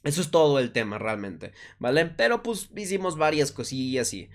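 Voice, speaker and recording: A man's voice: fairly high pitch, animated. A man teaching an English grammar lesson in Spanish, patiently explaining and often checking in with his students. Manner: slows down to repeat English example sentences.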